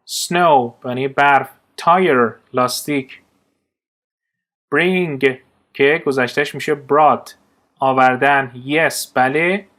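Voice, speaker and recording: Man, Persian accent, English teacher, vocabulary drill, word then meaning, middle pitch. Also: fairly bright tone.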